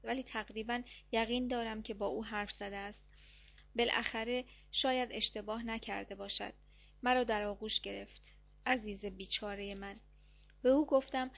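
A woman narrating a first-person diary story at a measured, even pace. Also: mid-range voice. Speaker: audiobook narrator. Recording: dull lo-fi recording.

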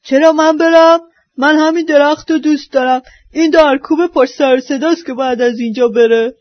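A woman's voice: high-pitched, dry recording, dull audio, close to an everyday voice. A woman playing a grumpy stubborn owl. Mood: indignant. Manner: loud, indignant complaining.

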